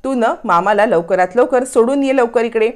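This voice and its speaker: A commanding mother-in-law who runs the house, as a woman narrator puts her on. She gives brisk orders. The voice is pitched high. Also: lightly acted.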